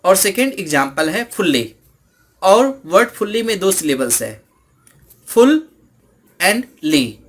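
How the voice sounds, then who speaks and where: A man teaching an English lesson, mixing in another language and slowly stressing each example word. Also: high voice, very animated, fairly bright tone.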